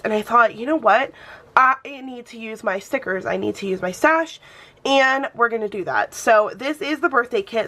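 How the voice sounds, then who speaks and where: A young woman who hosts a planner channel chats casually and thinks out loud while crafting in a casual plan-with-me session. Her voice is fairly high and a little bright, though slightly off because of a cold.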